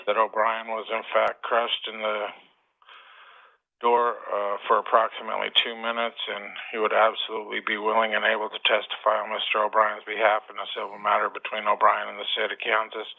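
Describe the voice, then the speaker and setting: Man on a tinny speakerphone, flat gravelly voice. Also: fairly low pitch. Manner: formal, deliberate, frequent "uh" pauses. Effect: heard over a speakerphone line. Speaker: claimant calling in. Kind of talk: reading a prepared formal statement.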